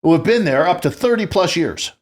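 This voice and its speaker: A man's voice: high voice, expressive, brisk. A man in his sixties hosting a podcast, telling stories in a boastful, profane, casual way. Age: 60s. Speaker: podcast host.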